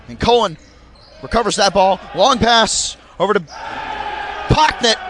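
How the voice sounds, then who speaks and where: A young man calling basketball play by play in a rapid, auctioneer-like patter that rises on big plays. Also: sits high, bright, forceful tone, slight background noise. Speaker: play-by-play commentator.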